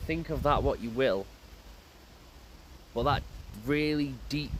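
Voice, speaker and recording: A paranormal investigator vlogs in a graveyard, taking it slowly in a medium-pitched voice as he walks and asks himself questions aloud. The casual commentary comes through a rough recording with loud outdoor noise and a passing motorbike.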